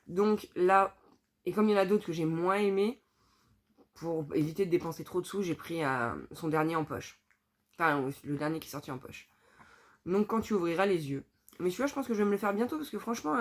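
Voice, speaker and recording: A young woman with a somewhat low-pitched voice talks casually and candidly. She thinks aloud as she goes, trailing off and using plenty of fillers. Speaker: book vlogger. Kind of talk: casual chat.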